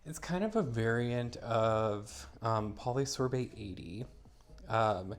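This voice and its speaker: Slow and lively in his intonation, this man has a mid-range voice and the stuffy, slightly wheezy sound of someone getting over a cold. He's the maker of the product, cheerfully giving a casual hands-on how-to and describing each step as he works.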